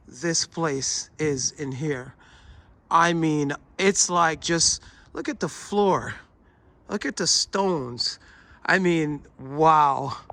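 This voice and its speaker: A man who is not a native English speaker, gushing and rambling excitedly as a travel vlogger walking around an old hilltop fort outdoors on a handheld camera. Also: fairly high pitch, a little hiss or hum. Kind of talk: casual vlog walkthrough.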